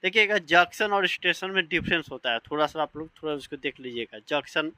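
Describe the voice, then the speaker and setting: A man's voice: on the high side, lively intonation, brisk, pushed and bright, dry recording, rough recording. A man teaching English vocabulary in an online lesson, spelling words out letter by letter and often checking that his students follow.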